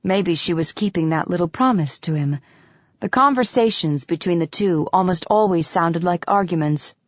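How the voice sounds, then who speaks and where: A woman narrating an audiobook in a measured, even reading. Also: on the low side, no room sound. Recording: dull dry studio audio.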